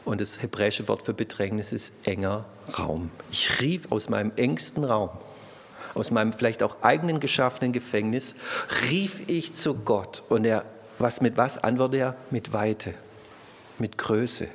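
A male pastor gives a sermon in a hall with long, ringing reverb. He talks to his congregation in a chatty way, rising into loud emphasis and then dropping to hushed, low tones. His voice sits at an ordinary male pitch. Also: measured pace, vocal fry.

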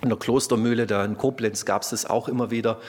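A male pastor gives a sermon in a hall with long, ringing reverb. He talks to his congregation in a chatty way, rising into loud emphasis and then dropping to hushed, low tones. His voice sits at an ordinary male pitch. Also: fairly even intonation, fast, breathy edge.

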